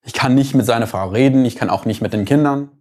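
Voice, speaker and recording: An American man with an American accent gives an explanatory lecture, thoughtful and at times searching for words. His voice is medium in pitch with a darkish tone, and he talks fast.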